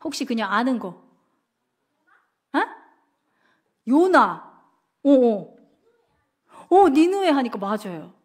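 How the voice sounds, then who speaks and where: A woman's voice: sits high, sing-song, slow pace, pauses often. A woman evangelist teaching a Bible class in a casual, conversational way, constantly asking her listeners questions. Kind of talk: interactive Bible lesson.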